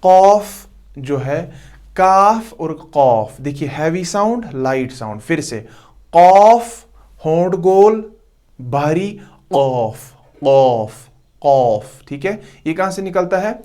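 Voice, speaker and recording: Male teacher, unhurried patient delivery, slightly raised voice, repeats sounds, checks understanding. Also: fairly high pitch, a little mellow. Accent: Urdu-Hindi speaker. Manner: repeats each letter slowly, checks understanding often. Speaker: Quran recitation teacher. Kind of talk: recorded tajweed lesson.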